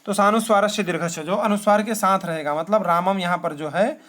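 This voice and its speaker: A man. He chants verses slowly and poses questions that he then answers himself. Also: sits high, fairly bright tone. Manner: asks rhetorical questions and answers them himself. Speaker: Sanskrit teacher. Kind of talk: classroom lesson.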